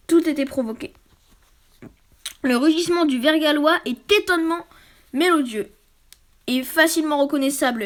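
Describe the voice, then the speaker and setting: A woman reading a book aloud for her channel. She often trips over words, corrects herself, and drops into quick, quiet asides. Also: high-pitched. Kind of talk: casual read-aloud with asides.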